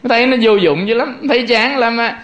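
A man's voice: extremely high pitch, a little fast, a bit bright. A man, a Buddhist monk giving a chatty, joking sermon to lay followers and turning to address them again and again.

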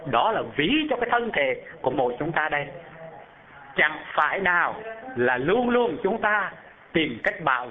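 A man preaching a Buddhist sermon through a parable, telling the story and asking his listeners rhetorical questions. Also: a little high. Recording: phone-like narrow band.

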